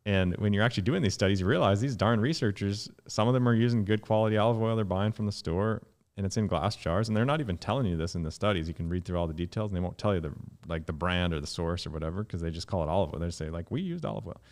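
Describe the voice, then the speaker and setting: A man in his thirties, a guest scientist on a podcast, explaining in an animated way and jumping up in pitch to stress points, recorded in a dark studio on a studio mic. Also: fast. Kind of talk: podcast conversation. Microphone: studio mic with headphones.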